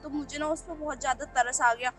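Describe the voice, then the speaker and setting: In a Hindi web skit, a young woman acts as a poor, earnest young woman reproaching her ex-boyfriend, her tone reproachful. Her voice sits high and is steady and a bit bright, and she speaks quickly over soft background music.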